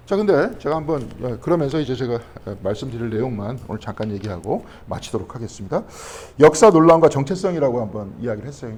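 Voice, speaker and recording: A man's voice: mid-range voice, a little mellow, a little hiss or hum. A male pastor teaching a Bible study class in a conversational way. He keeps asking the class questions and then answers them himself. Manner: conversational, checking in with frequent tag questions.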